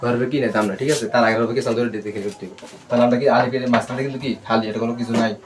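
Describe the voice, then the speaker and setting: A man teaching a Quran reading class, spelling Arabic letters out slowly and drilling them with repeated questions and answers. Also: mid-range voice, steady tone. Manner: slow, syllable-by-syllable recitation.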